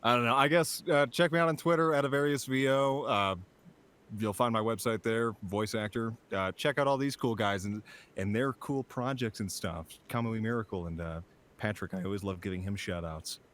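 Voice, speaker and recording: A man's voice: fairly low pitch, normal speed, a bit bright. A man who is a voice actor, chatting as a podcast guest in a hesitant way with lots of fillers. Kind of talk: casual podcast chat.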